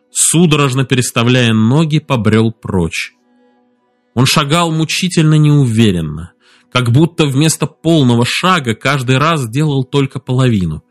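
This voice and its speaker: Brief: male audiobook narrator, mid-pitched, even and measured, soft music faintly underneath. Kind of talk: scripted narration.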